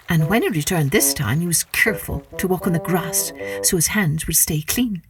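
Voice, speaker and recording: A woman narrates a scripted folktale for children as a podcast storyteller. Her medium-pitched voice moves up and down expressively, with faint music underneath. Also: fairly bright tone.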